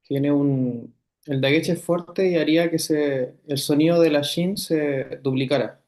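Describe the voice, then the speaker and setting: A man's voice: fairly high pitch, steady tone, a little slow, a little mellow. A man answering his teacher in an online class by video call, hesitant and unsure. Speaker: student.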